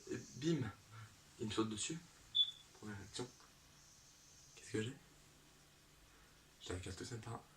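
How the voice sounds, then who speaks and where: A man with a low voice spins an absurd comic story, rambling and correcting himself as he goes. He drops in spoken sound effects. He sits at a distance from the mic, and clear noise runs behind him. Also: expressive, normal speed, long pauses.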